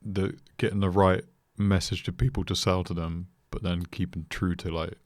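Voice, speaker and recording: Deadpan british guy, low voice, dry jokes, close dry mic. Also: moderate pace, no room sound. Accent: British English. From Britain. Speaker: podcast guest, creative director. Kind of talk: casual chat.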